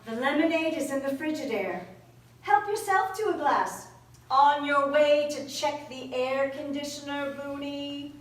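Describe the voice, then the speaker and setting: An older woman playing a stubborn, sharp-tongued widow with dry, teasing humor on a community theater stage. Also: sits high, a little hiss or hum. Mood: gossipy. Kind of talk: community stage play acting. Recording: echoey hall, miked from far off.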